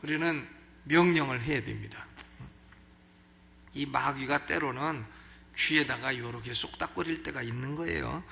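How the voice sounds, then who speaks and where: A male pastor giving an expository sermon at a church service, animated and acting out the voices he quotes. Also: fairly high pitch, creaky. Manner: animated, acts out quoted voices, asks the congregation questions. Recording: long church hall reverb.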